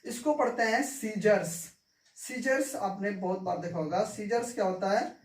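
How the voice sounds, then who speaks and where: In a classroom-style English lesson, a woman speaks with a mid-range, slightly mellow voice at a moderate pace. She goes over each point again and frequently asks "clear?" to check her students are following, recorded in an echoey room with a distant mic.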